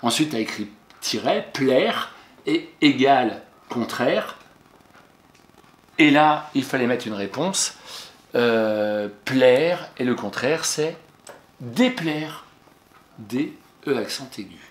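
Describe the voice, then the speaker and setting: A man's voice: medium pitch, expressive, slow pace, long pauses. Patient man correcting exercises for a child, echoey room. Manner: patient, addresses the pupil directly, spells words letter by letter. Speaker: teacher. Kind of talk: classroom lesson correction for young pupils.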